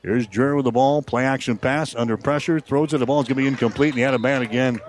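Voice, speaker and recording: A man's voice: medium pitch, steady tone, fast talker. An American man doing live play-by-play radio commentary of a football game in short, clipped phrases. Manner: clipped running description of play. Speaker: play-by-play sports announcer. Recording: outdoor broadcast with clear background noise.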